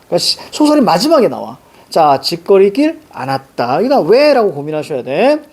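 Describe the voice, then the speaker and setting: Husky male teacher explaining a text. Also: high voice, wildly swooping pitch, brisk, darkish tone. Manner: explains and marks up the text, asks rhetorical questions. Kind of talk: literature lecture.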